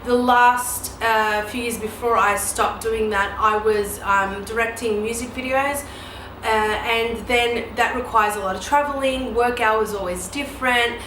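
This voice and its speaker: A woman in her mid-thirties, a newborn photographer and educator, answers viewer questions in a casual Q&A vlog, chatting with lots of ums and you-knows. Her voice sits on the high side and moves a little slowly. The room is echoey, with steady background noise.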